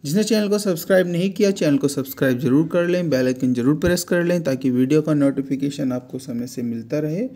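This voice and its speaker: A male teacher gives a vocabulary lesson. His voice sits a little high but sounds mellow and relaxed. He explains each word slowly and repeats it. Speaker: English teacher.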